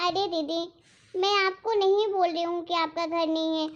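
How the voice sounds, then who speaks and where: A woman voicing a meek, polite young wife in a cartoon, speaking in a soft, pleading, conciliatory way. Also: very high-pitched, steady tone, moderate pace, lo-fi sound. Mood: placating. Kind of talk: animated cartoon voice acting.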